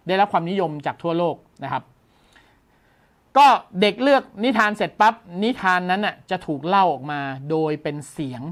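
A man's voice: high voice, fairly bright tone. A man hosting a tech news show, explaining a gadget in a casual, enthusiastic way and exclaiming often.

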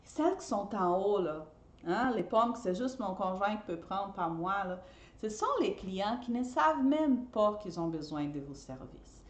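A woman's voice: medium pitch, animated, unhurried. A woman hosts a live teaching talk, and her voice swings widely up and down as she explains. She restarts words, repeats herself and keeps asking her listeners if they follow. The sound carries the echo of a hard room. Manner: checks in with listeners often. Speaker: host and trainer.

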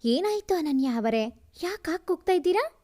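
A woman's voice: high voice, sing-song, normal speed, dark tone. A woman voicing a caring young man who tries to reassure a girl in a read-aloud storybook. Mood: earnest.

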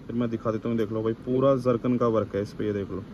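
A man hosts a casual vlog tour of a wholesale shop, eagerly prompting and addressing viewers with repeated interjections. His lowish voice is fairly even, quick, and a little mellow, and the dull audio carries clear street and market noise from the busy open-fronted shop.

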